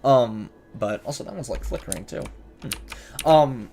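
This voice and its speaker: A man with a medium-pitched, darkish voice, lively intonation and a measured pace gives casual, jokey commentary while streaming a horror game. He's nervous about the scares and talks back to the characters. The recording is clear, with keyboard clicks and typing in the background.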